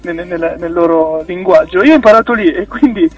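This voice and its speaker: High-voiced man talking from a distance. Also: brisk, breathy edge, dull audio. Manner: hesitant, restarts often, laughs easily. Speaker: musician guest. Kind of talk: casual radio interview.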